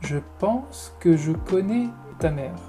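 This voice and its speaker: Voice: medium pitch, expressive, slow, warm tone, soft background music. A teacher patiently explaining English phrases in French, step by step, often repeating key words.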